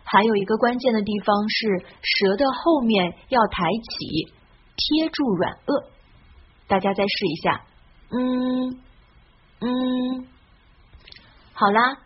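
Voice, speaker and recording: A woman hosting an English pronunciation lesson, speaking in a friendly, encouraging, scripted way and stretching out model words slowly. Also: medium pitch, slightly rough, highs cut off.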